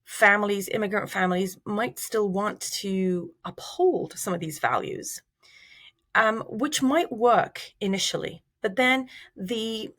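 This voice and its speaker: A middle-aged woman from Iraq speaks as an interview guest, her voice sitting at an ordinary pitch. She talks in a measured, thoughtful way, pausing on fillers and restarting phrases as she explains. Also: a bit bright. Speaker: researcher guest. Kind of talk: interview answers.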